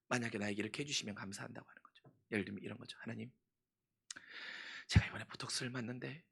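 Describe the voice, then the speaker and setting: A man delivers a sermon as a pastor, speaking quickly at an ordinary male pitch. He poses questions to his listeners and answers them himself. His voice drops to soft asides and then climbs into loud, fervent pleading. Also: creaky, slightly rough. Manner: swings from hushed asides to loud impassioned pleading.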